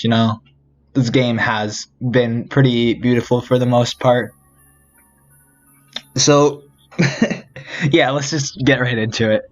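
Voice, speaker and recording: A young man hosting a let's play of a visual novel, rambling, giggling and correcting himself as he reads. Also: medium pitch. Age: young adult. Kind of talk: casual game commentary. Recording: dull lo-fi audio with faint music.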